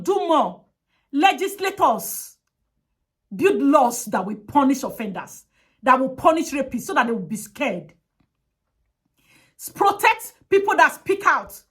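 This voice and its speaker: A woman's voice: high-pitched, fairly bright tone. A woman giving an impassioned advocacy monologue, emphatic and pleading, with heavy repetition.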